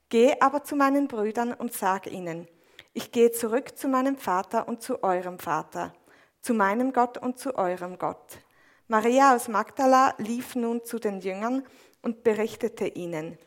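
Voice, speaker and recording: Woman reading scripture, slightly high. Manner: measured, even reading with small slips. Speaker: scripture reader and interpreter. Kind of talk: reading scripture aloud, then interpreting a sermon.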